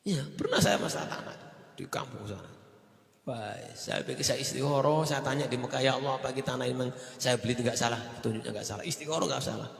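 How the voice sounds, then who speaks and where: A man preaching a sermon, telling stories with animated delivery. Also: medium pitch, quick pace, gravelly. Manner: storytelling, animated, mixes in Javanese phrases. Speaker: Islamic preacher. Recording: echoey hall with long reverb.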